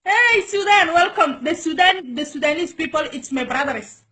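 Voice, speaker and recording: Her voice is very high, animated, bright, and forceful, delivered at normal speed. A Djiboutian woman with Somali as her first language, she hosts an informal live-stream chat in broken English, repeating herself and coaxing her guest.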